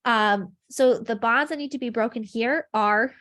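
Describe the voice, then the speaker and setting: A young woman's slightly high, fairly bright voice comes through at a somewhat slow pace while she runs a chemistry review session by video call. She is congested and sniffly, and she explains amiably with plenty of ums.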